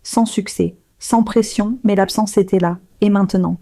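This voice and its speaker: A woman reading a first-person story aloud in a slow, measured, subdued way. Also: mid-range voice, fairly even intonation, creaky, warm tone, no room sound. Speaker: narrator.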